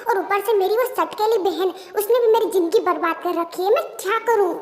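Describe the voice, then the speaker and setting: A woman putting on a hot-headed young female boss from a fan-made audio story. The voice is very high, and she scolds and complains bluntly. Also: fairly quick. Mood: ranting. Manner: scolding, ranting.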